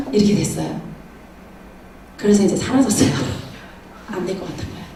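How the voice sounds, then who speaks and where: Animated woman preaching in an echoey hall. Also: mid-range voice, slight background noise. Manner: animated storytelling, acting out dialogue. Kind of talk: sermon. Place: church sanctuary. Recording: echoey church hall from far off.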